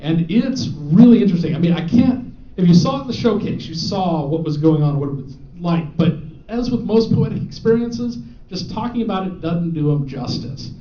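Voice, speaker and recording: A man's voice: high-pitched, lively intonation, moderate pace. A man presenting student game awards to a live audience, joking and teasing as he reads out the winners. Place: event hall with an audience. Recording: echoey, dull hall recording.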